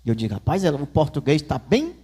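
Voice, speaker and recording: A man's voice: on the high side, wildly swooping pitch, brisk, warm tone, husky. A man with a Northeastern Brazilian accent, a pastor preaching a sermon in church with folksy asides and storytelling.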